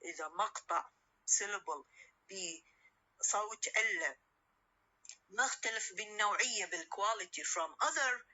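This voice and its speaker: Woman, university lecturer, crisp bright tone, patient explaining, rhetorical questions. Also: mid-range voice, fairly quick, long pauses, low-quality recording. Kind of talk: recorded lecture, switching between English and Arabic.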